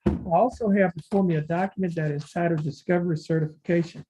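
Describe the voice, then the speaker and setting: Flat-voiced male judge in a courtroom recording. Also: on the high side. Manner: measured, formal, reading documents aloud. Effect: courtroom recording heard over a video call. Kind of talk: formal plea hearing. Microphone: video call. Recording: dull lo-fi courtroom audio with faint hiss.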